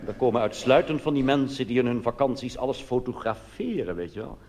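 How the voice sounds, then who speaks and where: Over crowd noise, a man with a Netherlands Dutch accent speaks fairly quickly at medium pitch. He's a cabaret comedian on a theatre stage, delivering a comic monologue conversationally with plenty of colloquial asides, in a noisy live recording from a reverberant hall.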